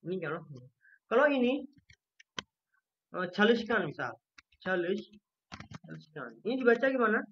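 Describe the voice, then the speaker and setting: Online language teacher, mid pitch, says each letter slow and repeats it, muffled lo-fi laptop mic. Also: big pitch swings, slight background noise. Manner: patient, repeats each letter sound slowly to demonstrate pronunciation. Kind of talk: online language lesson with screen sharing.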